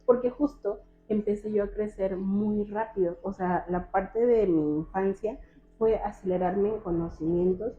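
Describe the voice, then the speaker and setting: A young woman recounts her childhood in an interview, taking on the voices of a teacher, her mother and herself as a child as she tells it. Her voice sits at a middle pitch. The sound is narrow and tinny, like a phone call. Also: unhurried, soft background music. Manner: animated, acts out quoted voices of teachers and family. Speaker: guest. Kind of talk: personal storytelling in an interview.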